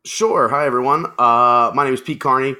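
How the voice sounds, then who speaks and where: A man's voice: medium pitch, moderate pace, sharp tone. A man talking casually as a guest on a podcast, friendly and chatty with frequent fillers.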